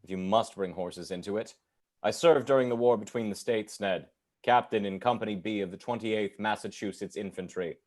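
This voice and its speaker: A man's voice: lowish voice, moderate pace. A man playing an impatient older stage actor who pushes the rehearsal along with dry, clipped remarks. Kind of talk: radio drama acting.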